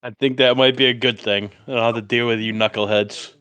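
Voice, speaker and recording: A man's voice: medium pitch, fairly even intonation, fairly quick, a bit bright, clear, resonant tone, dry recording, muffled recording. A man chatting and laughing easily as a player in a tabletop game. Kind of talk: casual role-play banter.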